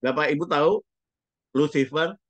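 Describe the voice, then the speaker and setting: A man's voice: a little high, normal speed, no room sound. A man preaching a sermon as a pastor, speaking emphatically and putting rhetorical questions to the congregation.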